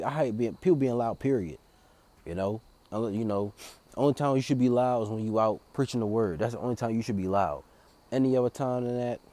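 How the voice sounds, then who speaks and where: A man with a low, mellow voice reads Bible verses in a slow, solemn cadence. Between passages he slips into loose, drawling commentary, stumbling over and repeating words as he talks. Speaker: street preacher. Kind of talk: Bible reading with casual commentary.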